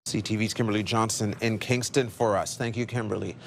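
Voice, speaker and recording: A man's voice: lowish voice, fairly even intonation, fairly quick, gravelly. Canadian male news anchor, faint background noise. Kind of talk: scripted news narration.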